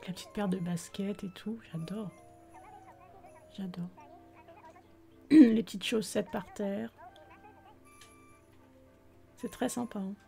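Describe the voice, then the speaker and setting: A woman's voice: medium pitch, takes it slowly, creaky, long pauses, mellow. A woman giving casual, gushing commentary on a game tour, exclaiming often and sometimes dropping almost to a whisper. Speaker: gaming video host touring viewers' islands. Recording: faint music behind.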